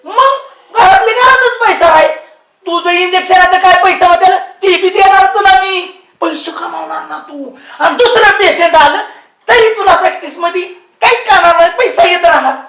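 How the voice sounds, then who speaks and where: A man's voice: very high voice, fairly even intonation, moderate pace, sharp tone. An older man in a scripted comedy sketch, fussing, scolding and coaxing a younger relative. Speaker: elder relative. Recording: roomy echo.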